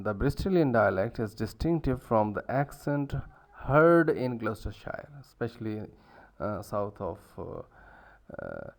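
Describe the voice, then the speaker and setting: A man's voice: mid-range voice, creaky, darkish tone. A man giving a university lecture, hesitant, with many fillers and restarts.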